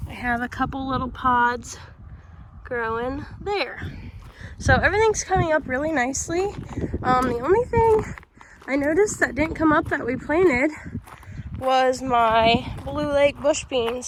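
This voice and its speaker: Chatty high-voiced young woman. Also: a little hiss or hum. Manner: chatty, rambling, with many ums and sos. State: out of breath and sweaty. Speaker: vlogger. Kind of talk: casual garden vlog. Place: outdoors in a home garden.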